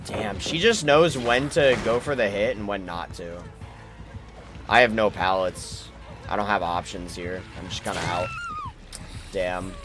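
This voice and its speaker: A man's voice: fairly low pitch, measured pace, over music. A man giving live gameplay commentary, thinking aloud, muttering and swearing at the game as he plays. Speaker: gaming channel host.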